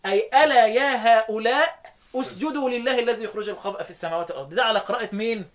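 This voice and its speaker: A man with an Egyptian Arabic accent teaching Quran recitation rules, often questioning his students and chanting verses slowly. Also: high-pitched. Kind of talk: explaining recitation rules in a lesson.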